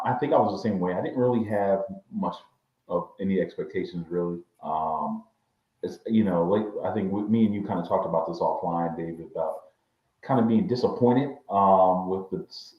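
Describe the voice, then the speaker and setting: A man co-hosting a casual review podcast, rambling with many fillers and restarts, his voice echoing off the room through a backup mic. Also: deep voice. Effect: echoey room sound from a backup mic. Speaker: podcast co-host reviewing a series. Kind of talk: casual chat. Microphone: backup mic after his main mic failed. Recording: echoey, dull lo-fi backup mic.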